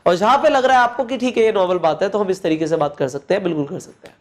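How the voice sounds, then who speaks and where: A man teaching presentation skills, speaking in deliberate pauses and swinging his voice up and down to stress points. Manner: deliberate pauses and swings in pitch to show modulation; repeats phrases for emphasis, addresses listener directly. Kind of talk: coaching lesson mixing Hindi and English.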